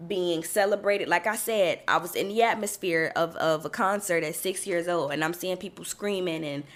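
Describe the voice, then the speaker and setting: A woman's voice: lowish voice, moderate pace, slight background noise. Chatty reflective young woman podcaster. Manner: chatty and reflective, many fillers and restarts. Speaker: podcast host. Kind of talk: casual solo podcast monologue.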